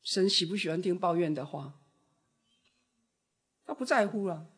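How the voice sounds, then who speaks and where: A woman delivering a sermon with a husky, breathy edge to her voice. She preaches dramatically, rising to loud outbursts and then dropping to soft, hushed words. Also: on the low side, lively intonation, normal speed.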